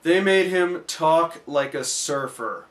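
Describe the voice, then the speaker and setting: A man reviewing a cartoon in a sarcastic, exasperated comedic rant that swings into shouting. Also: on the high side, animated, slow pace, music in the background.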